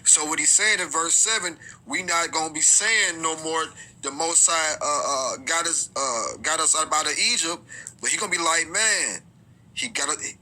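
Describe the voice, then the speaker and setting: A man teaching scripture informally, reading verses aloud slowly and often stumbling and repeating his words. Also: a little high, sharp tone, poor audio.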